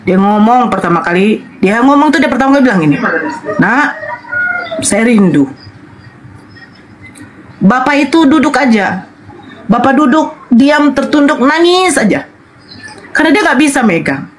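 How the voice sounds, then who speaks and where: A woman with a high voice gives a personal testimony in conversation. She tells it earnestly and speaks the remembered prayers and dialogue aloud as if reliving them. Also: lively intonation, fairly quick, a little hiss or hum, low-quality recording. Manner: earnest storytelling that acts out quoted prayers and dialogue. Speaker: convert telling her life story. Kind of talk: personal testimony told to an interviewer.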